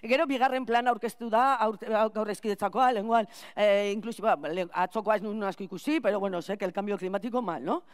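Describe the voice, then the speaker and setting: A woman playing a scatterbrained, chatty school cleaner in a clown stage monologue, rambling with restarts and loud outbursts. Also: medium pitch, a little fast, few pauses, clean tone, natural voice. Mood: exasperated rambling. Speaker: clown performer.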